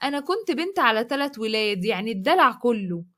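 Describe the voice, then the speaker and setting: Egyptian woman narrator, first-person story, emotional delivery, brisk pace. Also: fairly high pitch, sing-song, a bit bright. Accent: Egyptian Arabic.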